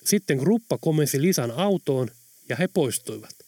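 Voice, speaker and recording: A man narrating an audiobook in a steady, even storytelling manner. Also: on the high side, dry recording, studio quality. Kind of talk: scripted narration.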